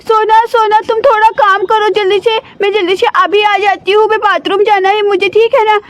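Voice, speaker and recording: A woman voicing a hurried, nagging teenage girl in a doll story. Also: very high voice, level tone, fairly bright tone. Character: hurried teenage girl, bossy with her sister.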